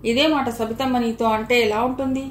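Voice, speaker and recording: A woman's voice: a little high, fairly even intonation, moderate pace, close to an everyday voice. A woman voicing a reproachful older woman. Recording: roomy recording, faint hiss.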